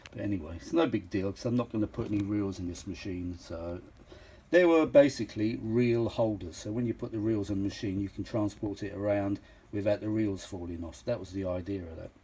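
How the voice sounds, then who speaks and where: A middle-aged or older man with a lowish, warm, slightly rough voice talks fairly quickly. He's a vintage audio enthusiast showing off a machine in casual, unscripted show-and-tell chat, rambling, exclaiming, and repeating himself for emphasis.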